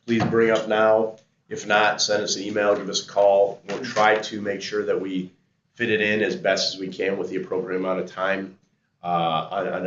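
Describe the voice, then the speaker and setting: A man chairing a committee meeting, talking haltingly with many fillers and restarts. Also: sits low, fairly bright tone. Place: large meeting room. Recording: roomy, dull, faint noise.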